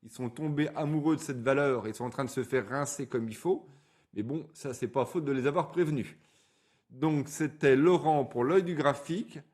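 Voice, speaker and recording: A man talks through a stock chart in a blunt, colloquial way, with a mid-pitched voice. He stumbles over his words now and then. It is a casual market commentary voice-over for his own channel. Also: normal speed, a little mellow.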